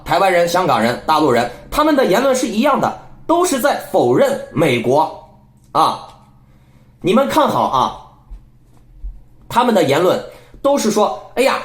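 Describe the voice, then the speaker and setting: A man hosting an opinionated political commentary channel, lecturing and scolding his listeners and keeping on asking them whether they agree. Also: sits high. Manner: rhetorical, keeps asking listeners "right?". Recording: echoey room.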